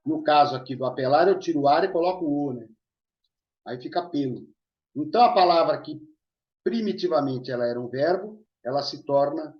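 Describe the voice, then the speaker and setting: A man's voice: on the high side, a little mellow. A male teacher explaining grammar in an online lesson, checking in with his students as he goes. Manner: explanatory, checks in with listeners often. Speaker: Portuguese teacher. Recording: echoey room, dull lo-fi sound.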